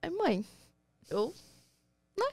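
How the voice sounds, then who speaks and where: A woman's voice: very high voice, very animated, very slow, vocal fry, no room sound. A young woman with a Brazilian Portuguese accent, a podcast guest telling her story in casual conversation and acting out the dialogue she quotes.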